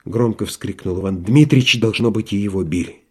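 A man narrating a classic story in a measured, dramatic way. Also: fairly low pitch, slightly rough. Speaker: audiobook reader. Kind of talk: literary narration.

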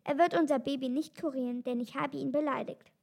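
Verlegener Löwe, von einer Frau gelesen. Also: female voice, high voice, steady tone, fairly quick, vocal fry, darkish tone. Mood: shy. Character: proud male lion, ashamed and shy.

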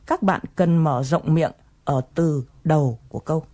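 A woman's voice: low-pitched, moderate pace, dark tone, slightly rough. A woman presenting an English lesson, explaining phrases patiently and coaxing learners to repeat them.

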